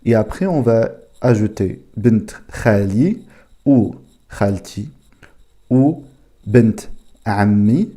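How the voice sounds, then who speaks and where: A man giving a casual spoken language lesson, saying each word slowly and repeating it several times. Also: fairly low pitch, lively intonation, dark tone. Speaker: language teacher.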